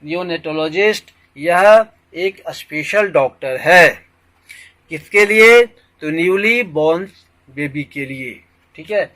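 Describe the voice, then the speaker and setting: Slow, bright-voiced teacher. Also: male voice, a little high, expressive, no echo, low-quality recording. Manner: lecturing, repeats "ठीक है", mixes English phrases; boastful about his own teaching. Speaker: English teacher. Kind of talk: Hindi-language lecture.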